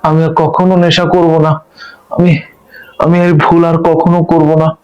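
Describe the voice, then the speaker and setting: A man's voice: a little high, flat delivery, a little slow, a little mellow, natural voice. A man playing an ailing, repentant husband who speaks plaintively to his wife in a short film drama. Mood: remorseful. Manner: plaintive, pleading. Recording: slightly dull, muffled recording.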